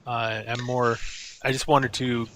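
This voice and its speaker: A man's voice: mid-range voice, flat delivery, measured pace, fairly bright tone, slight background noise. A man running a tabletop game over voice chat, easygoing and hesitant, with lots of fillers and laughter. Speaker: game master.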